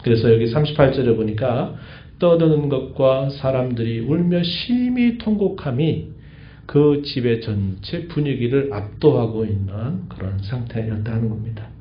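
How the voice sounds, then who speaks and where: A man's voice: mid-range voice, animated, moderate pace. A man preaching a Wednesday evening church sermon as the pastor. He explains scripture in a teaching tone and asks the congregation questions, then answers them himself. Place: church sanctuary. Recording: echoey church, dull lo-fi sound.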